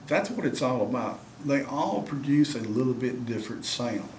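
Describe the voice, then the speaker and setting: A man's voice: mid-range voice, normal speed, a little mellow, reverberant, a little hiss or hum. A man giving a folksy, drawling tutorial on caring for turkey pot calls and calling y'all to the viewers. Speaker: turkey call maker and instructor. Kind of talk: demonstration tutorial.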